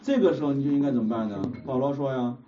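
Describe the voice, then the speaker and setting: A man's voice: mid-range voice, expressive, very fast, over a noisy crowd. A man preaching a sermon in a church hall, constantly putting questions to the congregation and often laughing as he speaks. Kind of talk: sermon with call-and-response. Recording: muffled, distant, noisy room recording.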